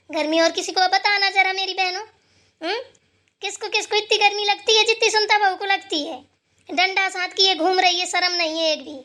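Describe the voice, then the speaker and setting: A woman voicing a sharp-tongued, scolding old mother-in-law in a cartoon, taunting and sarcastic. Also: very high-pitched. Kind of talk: cartoon voice acting.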